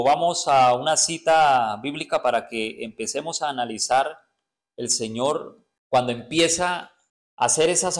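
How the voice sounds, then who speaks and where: A man preaching a sermon to his congregation, stopping to ask them questions and answering himself, often repeating words while he searches for them. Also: mid-range voice. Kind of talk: sermon teaching.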